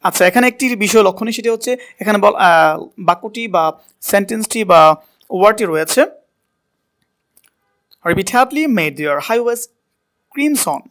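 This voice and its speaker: A man's voice: high voice, brisk, fairly bright tone. A man teaching a spoken English class, asking a student to repeat words and correcting how they are said. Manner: coaching pronunciation, asks and repeats words.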